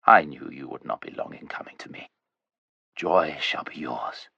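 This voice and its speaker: A man voicing a great majestic lion in a storybook, stern yet tender, with slow, weighty, commanding delivery. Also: extremely low pitch, creaky, pushed and bright, breathy edge, no echo, muffled recording, pitched below the performer's own voice, heavily acted. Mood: tender, solemn.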